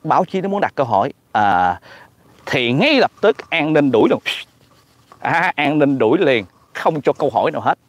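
A Southern Vietnamese man comments on politics in a high, lively voice that swoops up and down, often mocking and exclaiming. The sound is close and dry, with no room echo. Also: normal speed. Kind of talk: casual political commentary vlog.

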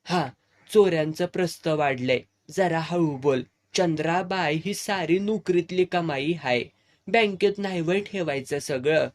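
A man's voice: fairly high pitch, a little slow, natural voice. A man voicing a practical, firm village man who served as a soldier, in a storybook reading. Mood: explaining.

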